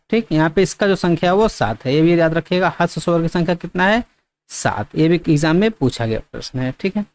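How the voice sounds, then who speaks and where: A man's voice: high voice, smooth, no echo. A man teaching an exam-prep grammar lesson. He often checks in with "theek", asks questions and answers them himself, and sometimes stretches words out to demonstrate them.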